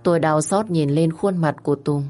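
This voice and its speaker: Woman storyteller, low voice, earnest first-person narration over faint music. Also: normal speed, dark tone.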